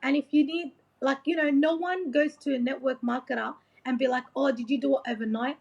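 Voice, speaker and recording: A woman from Iraq speaks fairly quickly in a high, steady, darkish voice with vocal fry, taking the role of a motivational coach in an informal interview. She is earnest and encouraging, rambles, and often says "like" and "you know." The sound is dull and lo-fi.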